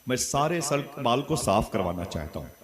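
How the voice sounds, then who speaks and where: A man voicing an elderly male spiritual master who speaks calmly and measuredly, with a crowd behind. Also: medium pitch, moderate pace, lightly acted.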